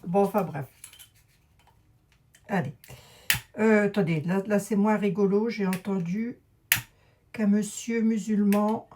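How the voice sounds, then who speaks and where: A woman's voice: medium pitch, a little mellow. Chatty woman with a Lorraine accent. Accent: Lorraine French. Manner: rambling, digressive, talks straight to the audience. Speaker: clairvoyant YouTuber. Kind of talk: casual chatty monologue to viewers. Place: at home, mid-way through painting a room.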